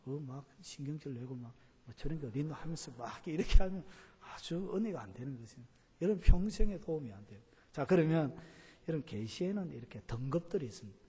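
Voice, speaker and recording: A pastor preaching a sermon, constantly filling with the same filler word and questioning the congregation. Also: male voice, on the high side, animated, fast talker, mellow, breathy edge. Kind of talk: sermon teaching. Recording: long church hall reverb.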